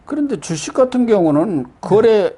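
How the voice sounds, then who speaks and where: A man's voice: high voice, big pitch swings, normal speed, mellow, husky. A man hosting a political talk show, leading the chat with conversational questions and agreement.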